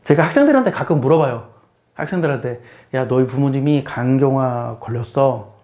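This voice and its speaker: Middle-aged man lecturing in a mellow voice. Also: medium pitch, lively intonation, a little fast. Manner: plain explaining tone, often repeats phrases, asks the listener questions. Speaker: math teacher and lecturer. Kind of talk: casual spoken lecture.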